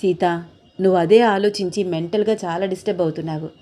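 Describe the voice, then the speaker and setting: A woman voicing a loving young husband who gently soothes his tearful wife, in a soft, coaxing tone. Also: fairly low pitch, fairly even intonation, brisk, close to an everyday voice. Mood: tender reassuring.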